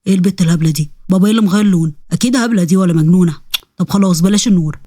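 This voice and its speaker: A woman's voice: lowish voice, rapid-fire, dark tone, no room sound, voice pushed down, lightly acted. A woman with an Egyptian accent voicing a clumsy young male demon, grumbling and indignant. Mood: scheming. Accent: Egyptian Arabic.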